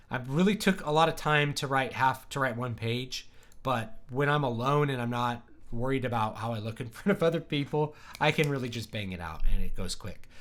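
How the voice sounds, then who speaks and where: Guy streaming a writing lesson, mid voice, thinks out loud, blunt opinions. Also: medium pitch. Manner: thinks aloud, plain-spoken and opinionated.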